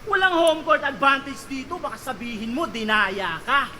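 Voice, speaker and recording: A man delivering a battle rap verse in a high, bright voice. He taunts his opponent and hammers each punchline with a shout. Faint noise sits beneath the voice. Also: moderate pace. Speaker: battle rapper.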